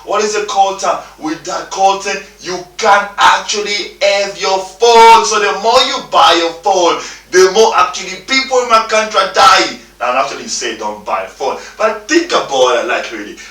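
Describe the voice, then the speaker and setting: A man in his thirties delivers a motivational talk in emphatic, repetitive English. His voice is bright and forceful, and it rises and falls widely. He sounds a little distant in an echoey room, with faint music underneath. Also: high voice, animated, normal speed, few pauses. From Democratic Republic of the Congo. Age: 30s. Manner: emphatic, repeats himself, informal non-native English phrasing. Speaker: motivational speaker.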